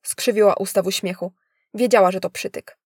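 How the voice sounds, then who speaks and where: A woman narrating a thriller story in a steady, measured reading voice. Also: medium pitch, husky, dry recording, clean studio sound. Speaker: audiobook narrator.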